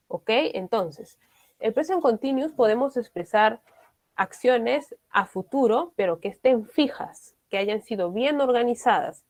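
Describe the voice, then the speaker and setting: A woman, teaching an online English class. She explains step by step and often checks in with her students. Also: a little high.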